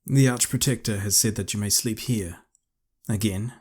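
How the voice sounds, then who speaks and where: A man's voice: fairly low pitch, steady tone, brisk, a little mellow, close to an everyday voice. A man doing a stern, dry housekeeper woman. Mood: irked. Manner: dry, muttering. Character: stern middle-aged housekeeper woman, cold and commanding.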